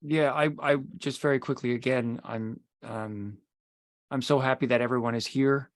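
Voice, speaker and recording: A writer speaking a thoughtful, hesitant tribute over a video call. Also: male voice, medium pitch, fairly even intonation, normal speed, no echo. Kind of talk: spoken tribute.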